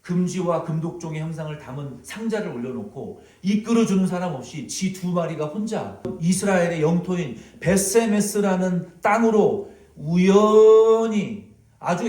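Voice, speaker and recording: A male pastor delivers a sermon with a lively, swooping delivery. He tells stories and acts out little sounds along the way. His voice is fairly high and comes from some distance in a roomy church hall. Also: normal speed. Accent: Korean, Jeolla dialect touches. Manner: animated, storytelling, acts out sounds. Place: large church sanctuary. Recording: echoey hall, from far off.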